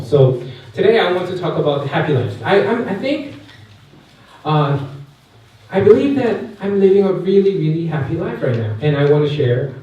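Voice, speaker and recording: Speaking at a youth camp as a guest, this thirtysomething man from Korea talks in a chatty, personal way with a Korean accent, firing questions at the audience and leaning on lots of fillers. He has a warm, fairly high-pitched voice. The recording comes from an echoey hall with a distant mic and a little background noise.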